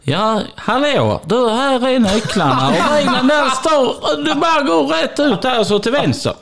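A man's voice: extremely high pitch, very animated, vocal fry, crowd noise, pitched above the performer's own voice, heavily acted. A man voicing a cheerful Scanian man at a car rental desk, with a Scanian accent and breezy, friendly talk.

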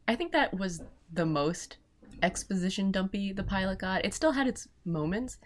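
A woman's voice: mid-range voice, lively intonation, normal speed. A woman co-hosting a podcast, chatting casually about a TV episode, asking curious questions and laughing often. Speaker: podcast co-host. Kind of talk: casual chat recapping a TV episode.

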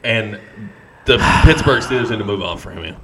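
A man's voice: on the low side, lively intonation, moderate pace, background noise. A man co-hosting a casual sports podcast, joking, laughing often and reading out a friend's picks. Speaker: podcast co-host.

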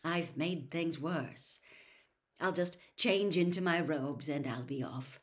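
A woman's voice: deep voice, slow. Woman reading as a weary wizard father. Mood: exasperated. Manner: heavy, soothing, exasperated. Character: weary kindly middle-aged wizard father.

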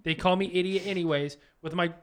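A man's voice: high voice, steady tone, a little fast. Rambling, self-deprecating young male podcaster. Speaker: podcast co-host. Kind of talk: casual couple chat.

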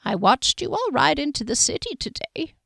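A woman voicing a patronizing male wizard diviner with a nasal, sibilant voice and slow, knowing pronouncements. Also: sits high, big pitch swings, creaky, fairly bright tone, no room sound, clean studio sound, voice pushed up, heavily acted. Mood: ominous.

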